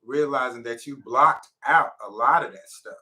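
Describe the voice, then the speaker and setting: A man co-hosting a casual chat, reflective and soft-spoken, often trailing off. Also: medium pitch, moderate pace, low-quality recording.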